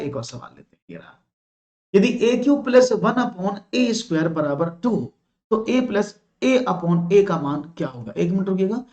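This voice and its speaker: A man's voice: on the high side, a little mellow. A male maths teacher from India leading a live online exam-prep class, praising answers and explaining each step patiently. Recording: roomy, dull lo-fi sound.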